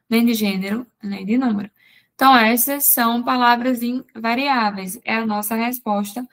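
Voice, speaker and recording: Slow, measured woman teaching grammar. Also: a little high, vocal fry. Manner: explains step by step with quick rhetorical questions. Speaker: Portuguese teacher. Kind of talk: exam-prep grammar lesson.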